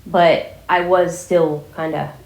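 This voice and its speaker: Woman, lower-pitched voice, scratchy sore throat from a cold, casual rambling vlog chat, trailing off, echoey room. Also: level tone, takes it slowly, a little mellow. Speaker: vlogger addressing viewers.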